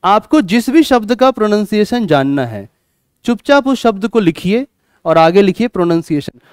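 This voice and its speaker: Lively high-pitched male teacher. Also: normal speed, smooth, dry recording, clean studio sound. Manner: animated, asks questions and answers them himself. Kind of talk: classroom lecture. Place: classroom.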